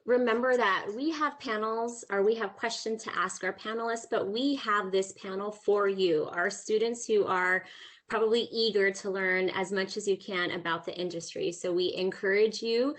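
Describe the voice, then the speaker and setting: Woman, mid pitch, panel moderator on a video call, organized. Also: fairly even intonation, moderate pace, fairly bright tone. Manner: friendly, organized, with fillers. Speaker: career services event moderator.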